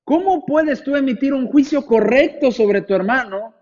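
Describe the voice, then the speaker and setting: A man's voice: very high-pitched, animated, moderate pace, a little mellow, dull audio. A man preaching a conversational sermon, asking rhetorical questions and acting out imagined replies from listeners.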